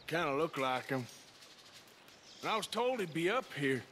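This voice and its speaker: An actor playing a gruff, wry cowboy bounty hunter in a western video game. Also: male voice, fairly high pitch, very animated, moderate pace, fairly bright tone, slight background noise. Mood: coaxing.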